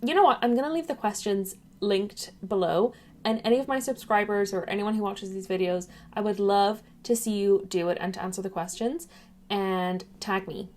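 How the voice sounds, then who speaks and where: On her webcam, a YouTuber from England who grew up in Ireland chats her way through a casual vlog, rambling and wandering off topic. Her voice is mid-range and darkish, at a moderate pace.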